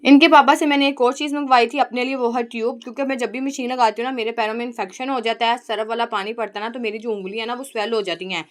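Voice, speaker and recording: A woman's voice: fairly high pitch, steady tone, quick pace, few pauses. A young woman, a mother, chatting casually to her viewers in a rambling family vlog.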